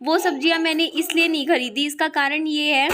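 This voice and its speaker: Chatty high-voiced woman with sore throat. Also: fairly even intonation, a crowd in the background. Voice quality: high-pitched voice. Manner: chatty, full of fillers, talks fast. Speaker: family vlogger. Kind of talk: casual vlog chat to viewers.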